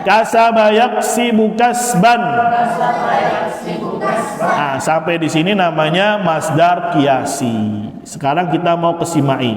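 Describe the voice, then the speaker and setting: A man's voice: a little high, animated, slow pace, long pauses. A man teaching Arabic grammar in a mosque. He chants verb patterns in a sing-song rhythm and quizzes his listeners. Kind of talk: classroom lecture. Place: mosque hall. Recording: echoey reverberant mosque hall.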